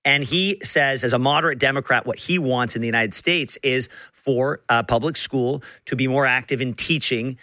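A man hosting a radio call-in show, talking in halting bursts full of restarts. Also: medium pitch, pushed and bright, dry recording, studio quality. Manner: halting, many restarts and fillers.

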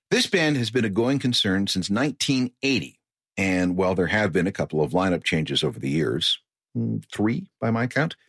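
A man's voice: on the low side, fairly bright tone, breathy edge, dry recording, studio quality. A man hosting a music radio show, narrating a script in a conversational, wry way. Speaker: radio host.

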